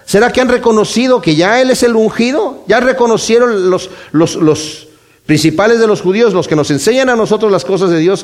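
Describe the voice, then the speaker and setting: Man, slightly high voice, earnest Bible preacher who explains verse by verse and lifts his voice for quotes. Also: darkish tone. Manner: earnest, explanatory, rises in pitch when quoting and stressing; addresses listeners directly. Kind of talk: expository Bible sermon.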